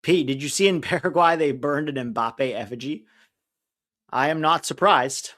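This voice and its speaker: A man whose voice is a little high and fairly bright gives casual commentary and chat as co-host of a live soccer watch-along. He has a mixed accent that's hard to place and comes across as blunt, opinionated and quick to vent frustration.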